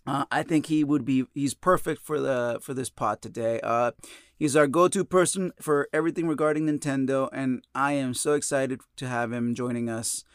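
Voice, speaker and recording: A man's voice: medium pitch, fairly even intonation, normal speed, clean tone, no room sound. Rambling young man hosting a podcast. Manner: rambling, filler-heavy. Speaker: podcast co-host. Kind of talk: casual chat.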